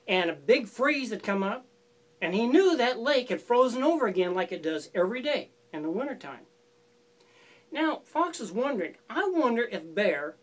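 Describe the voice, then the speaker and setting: A woman storyteller telling an old animal folk tale in a relaxed, conversational way, with repetition for effect. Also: a little high.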